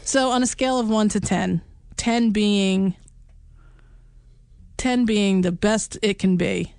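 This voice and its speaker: Recorded dry at studio quality, this middle-aged podcast co-host speaks slowly in a smooth, darkish, medium-pitched voice. She's chatting casually from home in upstate New York, talkative, often laughing and starting sentences over.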